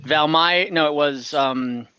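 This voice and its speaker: On an online voice call, a game master runs a fantasy tabletop game, improvising narration and thinking aloud in a casual, easygoing manner. The voice is medium-pitched, slow, bright and forceful, with a clean, echo-free sound.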